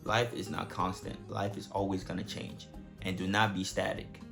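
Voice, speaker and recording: A man's voice: sits low, flat delivery, moderate pace, vocal fry, music in the background. A young man from Nigeria telling his story to camera in a casual, joking, profane way. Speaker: vlogger.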